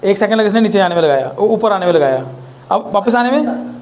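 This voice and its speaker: A man's voice: high voice, lively intonation, brisk, a little mellow, a little hiss or hum. Chatty male physics teacher, teasing class. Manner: chatty, teasing students with rhetorical questions.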